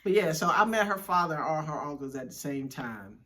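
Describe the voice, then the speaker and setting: A young man from Washington, D.C., co-hosting a casual couples chat, telling stories in an animated, slangy, joking way. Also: a little high, brisk. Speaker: co-host.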